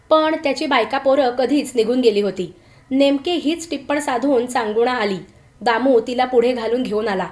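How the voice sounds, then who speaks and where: A woman narrating a dramatic story, reading it out with feeling and slowing down for the villagers' quoted lines. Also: on the high side.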